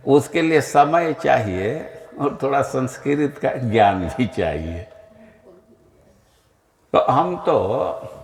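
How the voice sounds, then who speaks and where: Male spiritual teacher, lively delivery, echoey room; slow, patient lecturing. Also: medium pitch, vocal fry. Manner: slow, explanatory, with rhetorical questions. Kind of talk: scripture lecture.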